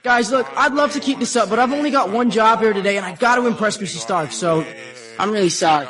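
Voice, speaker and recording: A man's voice: sits high, fast talker, music in the background, close to an everyday voice. Young actor as eager teen Spider-Man. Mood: excited. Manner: rambling, excitable. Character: eager nervous teenage boy superhero. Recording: film clip with crowd noise behind.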